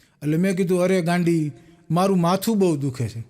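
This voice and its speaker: A man's voice: high voice, brisk, a little mellow. A young man telling folksy jokes, acting out the dialogue with laughs. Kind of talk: stand-up joke telling.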